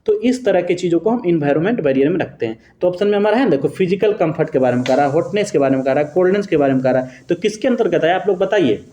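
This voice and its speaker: A man's voice: fairly high pitch, lively intonation, rapid-fire, few pauses, mellow, roomy sound, dull audio. A man teaching an exam-prep lesson, walking students through answer choices step by step, quizzing them with rhetorical questions and now and then correcting himself mid-sentence. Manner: addresses students fondly as "babu".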